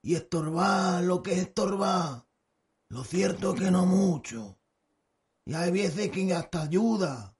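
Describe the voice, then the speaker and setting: An actor playing a big, gloomy old village elder who talks in slow rustic dialect, in an audiobook drama. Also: male voice, high voice, expressive, heavily acted. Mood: folksy. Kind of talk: audiobook radio drama acting.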